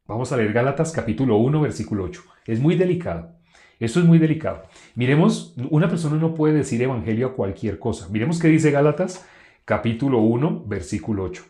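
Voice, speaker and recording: A man preaching a sermon in an animated way, repeating phrases for emphasis and laughing between points. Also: medium pitch, fairly quick, roomy sound.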